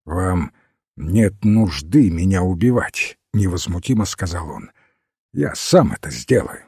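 A man voicing a pale, icily calm gentleman. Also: low voice, normal speed, vocal fry, breathy edge, no room sound, clean studio sound, voice pushed down, exaggerated voice. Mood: icy.

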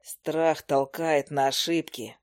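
Storybook role: woman reader plays a calm, low-murmuring male monster hunter, slow and steady. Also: no room sound, clean studio sound. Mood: soft, reassuring.

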